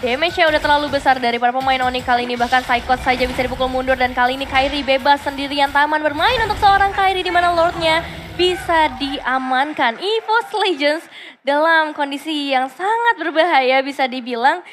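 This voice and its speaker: A woman's voice: sits high, fairly quick, noisy background. A woman working as an esports caster, giving live commentary on a game.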